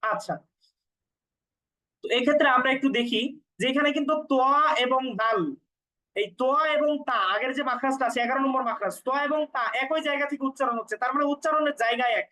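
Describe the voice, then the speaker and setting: A woman teaching Quran pronunciation step by step, patiently explaining and repeating each sound slowly for learners. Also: sits high, sharp tone, low-quality recording.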